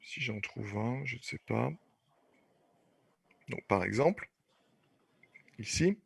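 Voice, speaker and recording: Patient teacher explaining slowly. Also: male voice, mid-range voice, lively intonation, gravelly, breathy edge, no echo. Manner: explains patiently, repeats points, many fillers. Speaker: French teacher. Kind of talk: online class teaching.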